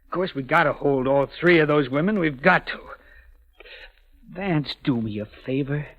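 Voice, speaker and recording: An actor playing a gruff, slangy, exasperated police sergeant in a 1940s AM radio detective drama. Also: male voice, a little high, normal speed, lightly acted. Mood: blustering, baffled. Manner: blunt, slangy, grumbling. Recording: muffled 1940s AM radio recording.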